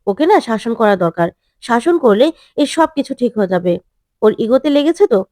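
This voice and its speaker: A woman's voice: fairly high pitch, animated, fairly quick, mellow, no room sound, natural voice. A woman voicing a teasing, self-assured young male doctor in a retold serial, rambling through his explanations.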